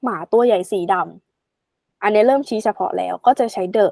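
A woman tutoring a student in a casual, chatty way, addressing the learner affectionately and slowing right down to spell out English examples. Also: medium pitch, creaky, warm tone, no room sound.

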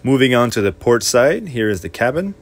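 A boat owner gives a walkthrough tour of his own boat, listing the equipment plainly and matter-of-factly. His voice is medium-pitched, sing-song and brisk.

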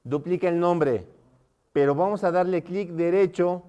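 A male teacher leads a live online class in a slightly high, smooth, clear voice. He walks through each step and keeps checking in with his students through short questions. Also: unhurried, dark tone, dull audio.

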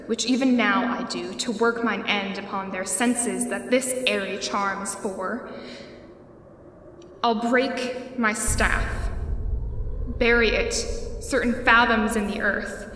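Woman playing Prospero, a slow, grand sorcerer-duke. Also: mid-range voice, pushed and bright, a little hiss or hum. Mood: solemn. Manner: grand, declamatory, deliberate. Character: commanding exiled duke sorcerer Prospero, solemn and grieving. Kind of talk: Shakespearean radio play acting in verse.

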